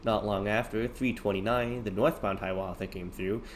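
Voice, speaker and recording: A man's voice: on the low side, steady tone, normal speed. A man narrating train-spotting footage as a railfan video host. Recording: clear background noise of trains, ambience.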